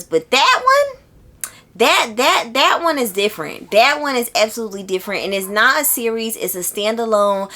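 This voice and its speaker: A woman who vlogs about books chats informally with her viewers at medium pitch, throwing in slang and expressively repeating words for emphasis.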